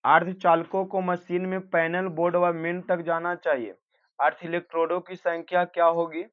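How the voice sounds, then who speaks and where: A man with a fairly high voice reads out exam questions one after another and answers each himself, in a steady teaching manner. The sound is dull and lo-fi. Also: normal speed, clean tone. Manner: reads questions then gives answers, self-correcting. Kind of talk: exam practice lesson. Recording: dull lo-fi recording.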